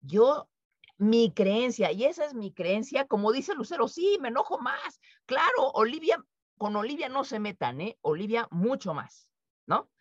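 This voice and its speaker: Mexican woman presenter running an interactive webinar, animated with tag questions, over a dull, dry call line. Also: fairly high pitch, measured pace, no room sound. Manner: lively, acts out quoted speech, frequent tag questions. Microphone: video call.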